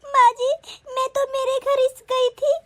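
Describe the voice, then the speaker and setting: A woman's voice: extremely high pitch, monotone, unhurried, no room sound. A woman voicing a tearful, pleading cartoon woman. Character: proud married sister-in-law, later remorseful. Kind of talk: Hindi cartoon voice acting.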